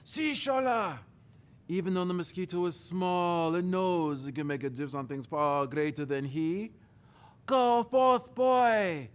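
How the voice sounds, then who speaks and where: A man voicing his stern African father, talking slowly and commandingly. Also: sits high, animated, smooth, voice pushed up. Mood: grave. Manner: commanding, drawn-out proverb-giving.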